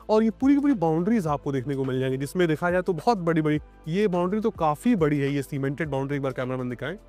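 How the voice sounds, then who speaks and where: A man's voice: on the high side, a little mellow. Lucknow man touring a plot site. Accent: Lucknow Hindi. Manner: explains to viewers, prompts guest with questions. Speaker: property video host. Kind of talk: on-site walkthrough interview.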